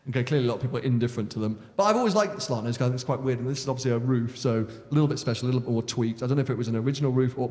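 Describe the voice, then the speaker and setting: A man's voice: medium pitch, vocal fry, a little mellow. A British man chatting as the host of a live audience Q and A on stage. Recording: echoey hall, PA microphone.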